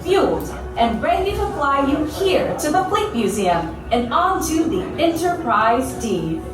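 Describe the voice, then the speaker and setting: A woman playing a welcoming, reassuring young starship museum tour guide in a scripted theme attraction, with a formal presenter delivery. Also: high voice. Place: echoing indoor attraction, recorded from afar. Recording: echoey, distant, loud music behind.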